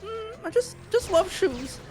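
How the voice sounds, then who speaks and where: A man voicing a nervous male goblin who is obsessed with shoes, in a high squeaky voice. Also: big pitch swings, a little slow, darkish tone, faint music behind, full character voice.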